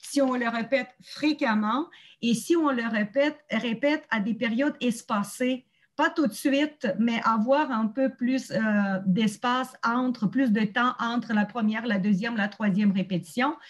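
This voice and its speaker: Higher-voiced woman hosting a teachers' meeting. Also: unhurried. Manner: explanatory, searching for words. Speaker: host of a teachers' community meeting. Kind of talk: online meeting presentation.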